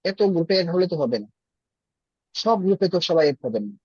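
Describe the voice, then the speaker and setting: A man's voice: a little high, animated, fast talker, a little mellow, no echo, dull audio. A man teaching Arabic in an online class, explaining patiently with everyday examples. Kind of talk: online class over a group call.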